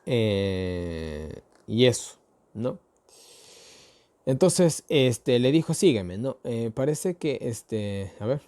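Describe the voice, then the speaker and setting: A man from Ecuador leads an informal Bible lesson in a warm, mellow voice, neither high nor low. He explains things conversationally and keeps checking in with tag questions. His sentences stall on fillers and restart often. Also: sing-song, drawn-out words. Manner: conversational and explanatory, addressing listeners directly. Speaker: Bible teacher. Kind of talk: casual Bible study talk.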